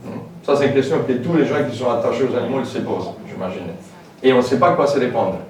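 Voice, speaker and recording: A man's voice: mid-range voice, fast talker, a little mellow. Male lecturer, casual, hesitant asides, distant mic in an echoey hall. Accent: French with a foreign lilt. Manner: informal, hesitant, many fillers and asides. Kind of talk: public lecture.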